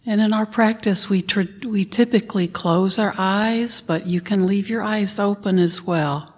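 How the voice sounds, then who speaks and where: Slow, breathy woman guiding meditation. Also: mid-range voice. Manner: slow, gentle instructions with soft whispered breath cues. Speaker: meditation guide. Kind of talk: guided meditation.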